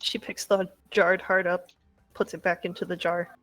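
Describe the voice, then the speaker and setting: A woman's voice: on the low side, little pitch movement, moderate pace, a bit bright, soft background music. Wry-voiced woman player. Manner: dry, wry remarks. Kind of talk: casual tabletop play.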